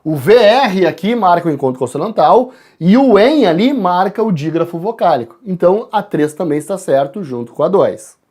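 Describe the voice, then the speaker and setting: A man's voice: sits high, normal speed, few pauses. A man from Brazil, a teacher walking students through exam answers, calling out letters and addressing the class. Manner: lively, addresses students directly, spells out letters.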